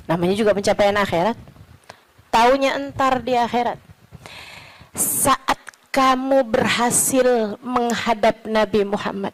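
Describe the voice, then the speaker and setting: A woman religious teacher delivering a casual, conversational sermon. Her voice sits high and light, and she often trails into soft, drawn-out prayers. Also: poor audio.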